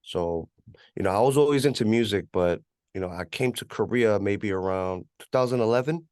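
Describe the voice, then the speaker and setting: A California rapper and music producer, speaking with a West Coast American accent, rambles casually as an interview guest in a laid-back way, saying "you know" a lot. His voice is fairly low and darkish, at a moderate pace, captured in a clean studio with no room sound.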